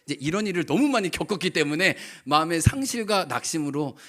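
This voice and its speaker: Bright-voiced pastor telling an animated family story. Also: male voice, fairly high pitch, fast. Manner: animated storytelling, voicing family members' quotes. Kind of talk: sermon with personal story. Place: church sanctuary.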